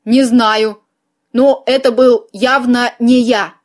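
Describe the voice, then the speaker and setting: A woman reading an audiobook, voicing a calm male elf in a dry, matter-of-fact way. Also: fairly high pitch, slow.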